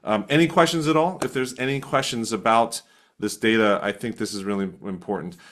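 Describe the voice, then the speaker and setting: A man with a fairly low voice speaks in a webinar over a video call. He is relaxed and thoughtful, with frequent fillers as he encourages listeners. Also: fairly quick. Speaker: workshop co-presenter. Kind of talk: webinar discussion.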